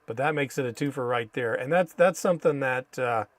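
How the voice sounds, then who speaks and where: Male stream host, American, dry close sound, casual halting map commentary, Spanish words in an American accent. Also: medium pitch, no room sound. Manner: halting, thinking aloud. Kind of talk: casual live stream commentary while reading maps.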